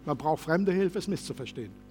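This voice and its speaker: A man preaching a sermon as pastor in a church service, passionate and shifting from loud to soft. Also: on the high side, lively intonation, a little fast, long reverb tail, a little hiss or hum.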